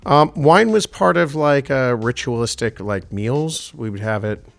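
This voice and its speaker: A man's voice: mid-range voice, lively intonation, unhurried, gravelly, no echo, soft background music. A middle-aged man from Houston with a faint Texan accent, a winemaker guest chatting casually and telling stories with plenty of fillers. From Houston, Texas. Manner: rambling, storytelling, many fillers. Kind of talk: casual interview chat.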